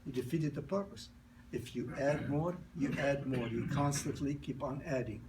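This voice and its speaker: A man in his sixties who grew up in New York but has a non-native English accent gives an informal sales presentation as a product presenter. His medium-pitched voice moves at normal speed, picked up from a distance amid heavy background noise. He uses broken grammar, repeats and restarts himself, and tells stories.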